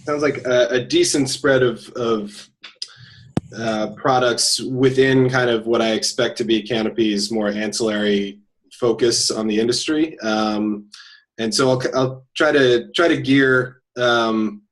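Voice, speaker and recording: A man of middle pitch talks a small group through a workshop. He is loose and chatty, often restarting his sentences as he goes. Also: steady tone, unhurried. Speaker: attorney leading a workshop. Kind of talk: casual workshop talk.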